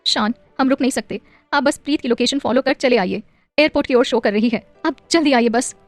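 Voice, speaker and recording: A woman's voice: on the high side, fairly quick, no echo, faint music behind, voice pushed up, lightly acted. A woman reading a story aloud, voicing an anxious young mother who pleads and panics over her child. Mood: frantic. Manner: pleading, frantic.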